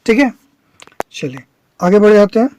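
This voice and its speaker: A man's voice: high voice, sing-song, moderate pace, a little mellow, poor audio. A man teaching an exam-prep vocabulary lesson, explaining step by step, repeating his examples and checking that his students understand. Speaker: English teacher.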